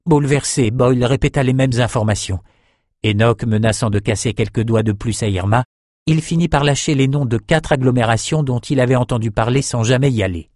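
A man narrating a dark fantasy novel in a steady, even reading voice. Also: medium pitch, brisk, dry recording, studio quality. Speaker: audiobook narrator.

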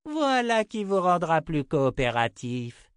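A man's voice: a little high, moderate pace, no echo, studio quality, pitched above the performer's own voice, natural voice. A man voicing a cruel, mocking female sorceress in an audiobook reading. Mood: taunting. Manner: mocking, taunting. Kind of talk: audiobook character voice.

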